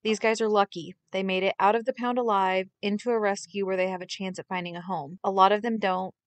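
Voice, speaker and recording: A woman's voice: medium pitch, steady tone, fairly quick, no echo. A woman narrating a dog rescue clinic vlog in an earnest, heartfelt voice-over.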